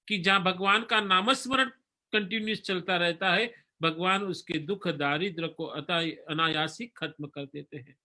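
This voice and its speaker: A man giving a religious sermon, then slowly reciting a devotional hymn line by line for listeners to repeat. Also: high-pitched, pushed and bright. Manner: earnest, instructive, leads the chant slowly line by line. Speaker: spiritual teacher. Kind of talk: sermon and slow stotra recitation.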